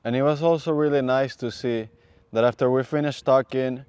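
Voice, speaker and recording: A man from Venezuela, a seminarian calmly explaining in a measured, thoughtful way. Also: mid-range voice, clean tone, no echo. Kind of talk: casual explanation.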